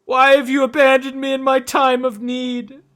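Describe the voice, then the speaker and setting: A desperate townsman from a tabletop game. His voice is pushed very high and forceful, stammering and frantic as he pleads. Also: monotone, moderate pace. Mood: anguished.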